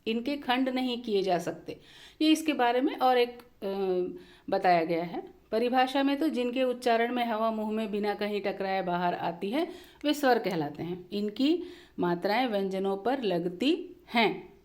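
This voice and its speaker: A woman teaching a language lesson at a slow, deliberate pace, going over each definition more than once. Her voice sits a little higher than most women's. She drops in English terms while she explains. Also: expressive, darkish tone. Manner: repeats definitions slowly, mixes in English terms.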